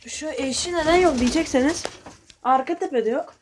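High-voiced woman chatting casually to viewers. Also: moderate pace, background noise. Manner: chatty, blunt, swears now and then. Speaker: pigeon-keeping vlogger. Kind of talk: casual vlog commentary to viewers.

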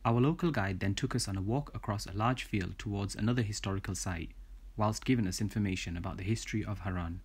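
A man in his thirties narrating his travel vlog in a calm, scripted way over music. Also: lowish voice, quick pace, slight background noise. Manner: soft-spoken voice-over, livelier and louder when chatting on site. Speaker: travel vlogger. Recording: voice-over with loud music behind.

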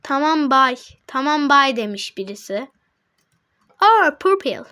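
High, lively, excitable female gamer. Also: measured pace. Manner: excitable, addresses viewers as friends, reads chat aloud; bursts into high laughing shouts. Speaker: gaming channel host. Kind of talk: casual gameplay commentary.

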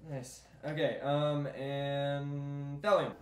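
A young man playing a pushy roommate who turns into a shouting quizmaster, in an amateur comedy sketch. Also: on the high side, level tone, extremely slow, slight background noise. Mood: casual. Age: young adult. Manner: badgering, shouting demands. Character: pushy young male roommate turned drill-sergeant quizmaster. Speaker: roommate quizzing a friend. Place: small dorm bedroom indoors.

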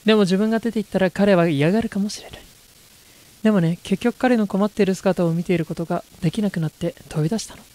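A game streamer reads horror story text aloud in a feminine storytelling style. Her voice falls at a middle pitch between typical male and female ranges, and she talks fast with a dark tone.

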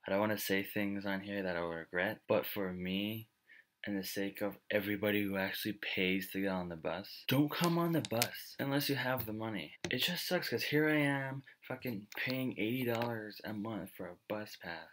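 Young dude venting and swearing on a webcam, kinda low voice, some music. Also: male voice, fairly bright tone. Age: 20s. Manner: blunt, aggrieved, sweary. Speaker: vlogger. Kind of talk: casual rant to camera. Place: small indoor home room.

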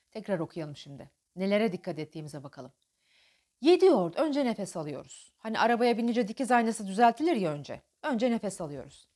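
A woman teaching diction, explaining pauses and stress and reciting poetry lines with strong emphasis. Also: mid-range voice, darkish tone. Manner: alternates explanation with dramatic poem recitation, marked pauses and stress. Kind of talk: diction lesson with poetry reading.

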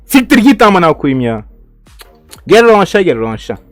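A young man commenting on his own football game as he plays, with a slightly high voice. He rants and swears nonstop at his opponents. Soft music plays behind him. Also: very animated, normal speed, dry recording. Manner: frustrated ranting, heavy swearing. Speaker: gaming video host.

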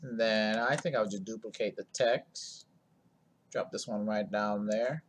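A man's voice: lowish voice, fairly even intonation, unhurried, a little hiss or hum. A man hosting a screen-recorded coding tutorial, talking in a laid-back, rambling way full of ums and asides.

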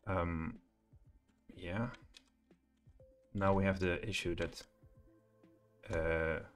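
Working from a home office, this middle-aged man tutors programming through a live coding walkthrough, musing aloud with many hesitations and fillers. He speaks extremely slowly in a low, steady voice while soft music plays behind him.

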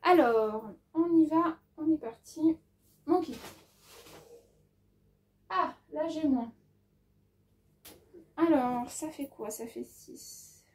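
High, mellow-voiced woman chatting through a haul. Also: drawn-out words, long pauses. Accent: has an accent of her own. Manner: chatty, thinks aloud while measuring fabric; lots of hesitations and filler words. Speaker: sewing vlogger. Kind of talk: casual haul video chat.

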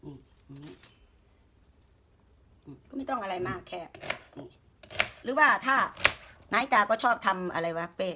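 A woman's voice: medium pitch, expressive, measured pace, long pauses, very noisy. Chatty woman cooking at home. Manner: chatty, rambling, explains as she cooks. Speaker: home cook hosting a cooking video. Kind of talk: casual cooking chat.

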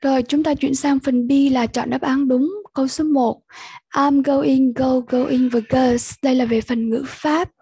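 A young woman with a Vietnamese accent walks pupils through an English test at an unhurried pace. Her voice sits high but sounds soft and mellow. It is very husky and breathy, and the recording is close and dry. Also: steady tone, no echo. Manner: slow, patient, repeats sounds for pupils. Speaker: English teacher. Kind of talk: online lesson walkthrough.

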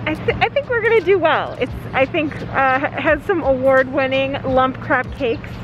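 A woman's voice: high-pitched, moderate pace, muffled recording. A woman from the Pacific Northwest chatting casually through a face mask as she hosts a food tour vlog, searching for her words as she goes. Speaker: food vlogger. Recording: loud music and crowd behind. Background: loud music and crowd noise.

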